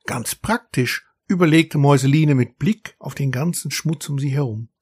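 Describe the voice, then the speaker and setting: Guy reading a kids' story, somewhat high and husky voice, dry close sound. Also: fairly quick, a little mellow, no room sound. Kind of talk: children's story narration.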